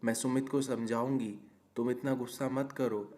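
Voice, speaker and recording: A man's voice: medium pitch, steady tone, moderate pace, warm tone, lightly acted. A man voicing a caring but scolding middle-aged mother-in-law in a cartoon story. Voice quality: scolding, admonishing.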